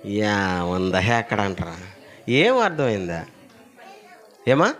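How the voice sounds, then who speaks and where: A male pastor preaching a sermon at a church service, urging the congregation to repeat verses aloud and swinging between loud emphatic lines and low asides. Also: huge pitch swings, takes it slowly.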